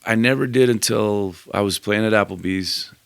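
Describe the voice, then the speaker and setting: A man with a very low, gravelly voice talks in a relaxed, rambling way. He sounds like a musician guest on a podcast. The sound is dry and close, with no room around it. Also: moderate pace, dry recording. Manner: relaxed, rambling, full of fillers. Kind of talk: casual interview chat.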